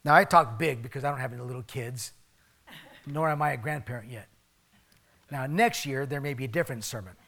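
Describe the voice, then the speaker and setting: A middle-aged man preaching a sermon, reading scripture and telling stories, swinging between loud emphasis and quiet asides. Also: medium pitch, fairly quick, creaky, pauses often. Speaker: pastor.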